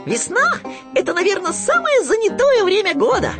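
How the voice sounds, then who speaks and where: A man voicing a small, timid, excitable male piglet with a squeaky, stammering, eager delivery. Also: normal speed, music in the background, exaggerated voice. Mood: excited.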